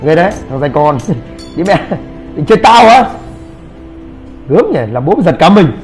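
High, lively-voiced brash gaming man. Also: a little slow, faint music behind. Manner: brash, swears and trash-talks teammates. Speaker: gaming streamer. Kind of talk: live gameplay commentary.

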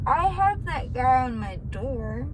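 A woman's voice: lively intonation, slow pace. A teenage young woman chatting in a dazed, childlike way, slurring with a mouth numb from the dentist, in a car. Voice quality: slurred, mouth numb and full of gauze after dental surgery. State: numb from the dentist, woozy after wisdom teeth removal. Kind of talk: casual chat. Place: passenger seat of a moving car. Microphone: phone held by the driver's side, close. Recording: noisy moving car, road rumble.

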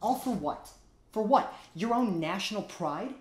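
A man's voice: high-pitched, expressive, measured pace. A young man playing an indignant anti-war delegate in a comedy sketch, speaking in emphatic, pleading oratory. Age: young adult. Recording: roomy echo.

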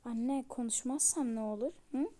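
A woman's voice: on the high side, normal speed, mellow, natural voice. A woman voicing a sulky, defiant young daughter who talks back to her parents in a toy-game role-play. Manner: sassy, talking back.

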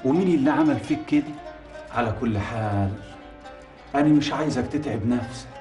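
A man's voice: medium pitch, brisk, mellow, echoey room, soft background music, lightly acted. An actor playing a pious, kindly working-class Egyptian man in a TV drama, with an Egyptian accent. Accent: Egyptian Arabic. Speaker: kind poor man caring for a stranger. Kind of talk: 1980s Egyptian TV drama acting.

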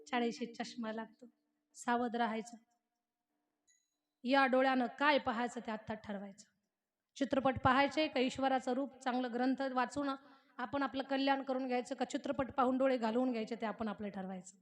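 A woman preaching a devotional kirtan sermon. She moves between brisk storytelling, rhetorical questions and homely humour, and slow, drawn-out chanting of verses. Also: sits high, steady tone.

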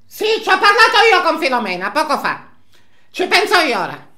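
A man's voice: very high-pitched, wildly swooping pitch, a little fast, bright, forceful tone, exaggerated voice. An older man playing a nosy, indignant Sicilian housewife in a comic monologue, scolding and repeating himself in Sicilian dialect. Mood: exasperated. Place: small indoor room, seated facing camera.

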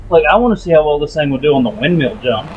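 A man's voice: a little high, expressive, fast, highs cut off, background noise. A man in his mid twenties, co-hosting a casual gameplay chat in a talkative, rambling way. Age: 20s. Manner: talkative, rambling, laughs often. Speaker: gaming channel co-host.

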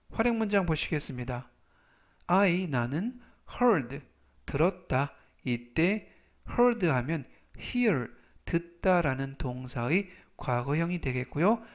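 A man teaching English vocabulary in a scripted lesson, repeating each word three times and explaining it step by step. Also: a little high.

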